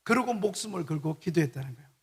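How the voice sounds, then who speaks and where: A man's voice: on the high side, lively intonation, racing. A man preaching a passionate sermon in a church and leading the congregation to repeat phrases after him. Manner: impassioned, leads congregation in call-and-repeat. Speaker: guest preacher, missionary. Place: church sanctuary. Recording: long church reverb.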